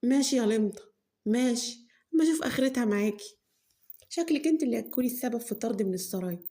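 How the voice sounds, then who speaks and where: A woman's voice: on the high side, expressive, very fast, warm tone, pitched above the performer's own voice. Woman doing a stern older village woman. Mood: firm. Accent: Egyptian Arabic.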